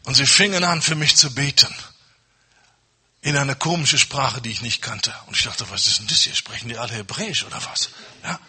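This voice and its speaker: Male preacher, bright husky voice, dramatic testimony delivery. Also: medium pitch, fairly quick. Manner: dramatic storytelling, acting out dialogue with swings from loud to hushed. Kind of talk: testimony sermon.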